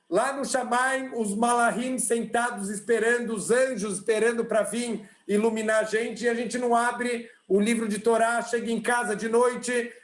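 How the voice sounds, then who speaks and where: A rabbi with a Brazilian Portuguese accent teaches an online class through animated storytelling. His voice sits high for a man. The sound is roomy and echoey, as over a video call. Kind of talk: online religious lesson with storytelling.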